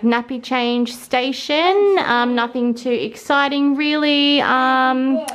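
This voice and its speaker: A young Australian mother talks to camera in a high, bright voice as she shows off her toddler's bedroom. She rambles in a friendly way and fills her pauses with ums and little asides. It is a casual family vlog recorded at home. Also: slight background noise. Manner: chatty, friendly, with frequent ums and trailing asides.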